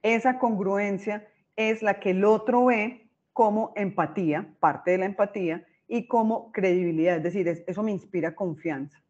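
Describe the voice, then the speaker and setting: Woman lecturer, lively and conversational, keeps checking in with the audience, muffled lo-fi recording. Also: medium pitch, moderate pace, hardly any pauses. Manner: expressive, often checks in with listeners by asking "right?". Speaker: speaker giving a talk on emotional intelligence. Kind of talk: informal lecture.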